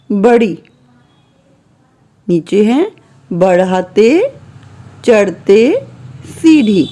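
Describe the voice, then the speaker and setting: A woman's voice: a little high, mellow. A woman teacher patiently taking young pupils through workbook answers, reading out each word one at a time. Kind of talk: slow classroom exercise walkthrough.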